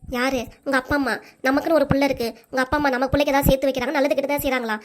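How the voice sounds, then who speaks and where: A woman voicing an angry mother and wife in a cartoon, scolding sharply and without pause. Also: sits high, little pitch movement, lightly acted. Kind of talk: cartoon voice acting.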